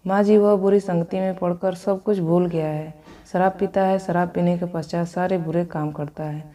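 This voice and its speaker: A woman's voice: fairly low pitch, steady tone, moderate pace, dark tone, far from the mic, lightly acted. Woman reading as a grieving devout young wife. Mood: sorrowful. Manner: tearful pleading prayer.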